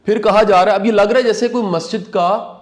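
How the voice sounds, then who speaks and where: A man's voice: high voice, fairly even intonation. A man giving earnest, preachy commentary on a talk show.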